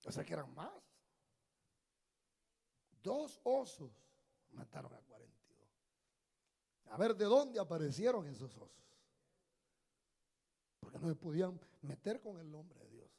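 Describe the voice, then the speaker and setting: A man, preaching a sermon in a church, breaking into loud shouted lines and acted quotes. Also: a little high, big pitch swings, a little slow, gravelly, long pauses, breathy edge. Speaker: pastor. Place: church in Maryland.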